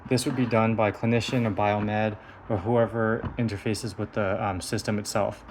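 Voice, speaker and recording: Showing off his prototype, an engineer walks through a hands-on technical demo in a careful, explanatory way. His voice is fairly low and darkish, his tone level and his speed normal, and there's slight background noise.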